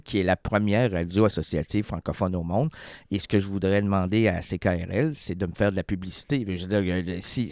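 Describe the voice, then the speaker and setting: A man's voice: on the low side, a little mellow, no room sound, clean studio sound. A man with a Quebec French accent hosting a community radio show, talking in a rambling, playful, theatrical monologue with a sore throat.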